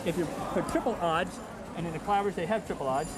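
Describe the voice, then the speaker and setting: Speaking fast in a high voice, a man patiently runs through craps odds in an instructional video, checking with "okay?" The worn VHS copy has music underneath and heavy background noise.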